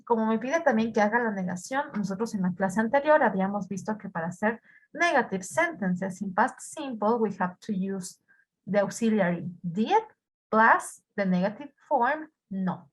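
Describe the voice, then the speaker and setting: Husky-voiced woman teaching English grammar. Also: medium pitch, lively intonation, moderate pace. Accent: Ecuadorian Spanish. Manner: patient, repeats words and asks students questions. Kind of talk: online class explaining grammar.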